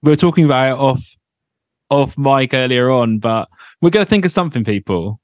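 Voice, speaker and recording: A man's voice: medium pitch, a little fast, a little mellow, no echo. Man hosting, dry close sound. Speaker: podcast host. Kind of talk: casual chat.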